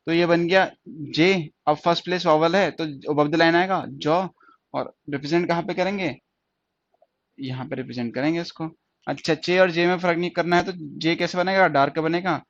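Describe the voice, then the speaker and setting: A man's voice: a little high, steady tone, normal speed. Man teaching shorthand, dull dry recording. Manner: explains step by step, repeating each point with checking questions. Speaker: stenography teacher. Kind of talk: classroom lesson.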